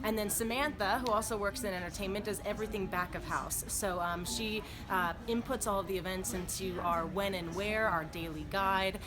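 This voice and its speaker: An upbeat, chatty woman answering informal interview questions as a cruise director, with loud music behind her. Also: medium pitch, fairly even intonation, normal speed, hardly any pauses.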